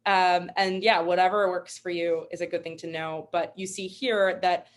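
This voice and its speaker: A woman's voice: on the low side, level tone, normal speed. A young woman instructor teaching a live online webinar, upbeat and encouraging, chatty with fillers. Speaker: MCAT instructor.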